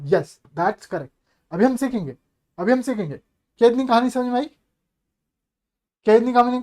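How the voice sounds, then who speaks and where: In a very high voice, a man coaches students through maths for an upcoming exam in an online session. He chats, coaxes, asks the class rhetorical questions, and slips English terms into what he explains.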